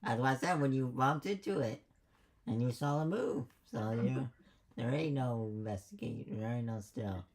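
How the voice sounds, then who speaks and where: A man's voice: mid-range voice, moderate pace. A man acting as game master, casually narrating and explaining a tabletop game.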